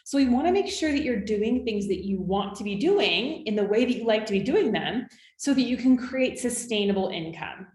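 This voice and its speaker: Her voice fairly high, expressive and a little mellow, a California business coach in her thirties speaks to camera at a moderate pace. She encourages viewers, regularly checking in with "okay?" and "right?", and the audio is reverberant.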